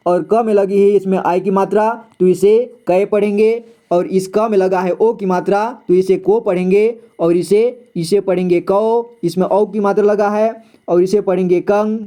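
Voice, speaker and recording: Warm-voiced man teaching Hindi letters. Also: high voice. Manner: repeats and quizzes himself, says "ठीक है" often. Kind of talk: patient step-by-step reading lesson.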